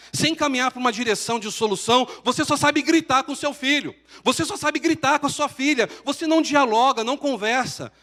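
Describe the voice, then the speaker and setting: A Brazilian pastor with a high voice preaches a sermon. He builds his points with pauses and rising emphasis, and his voice rings out with a long church-hall reverb behind it. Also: a bit bright. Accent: Brazilian Portuguese.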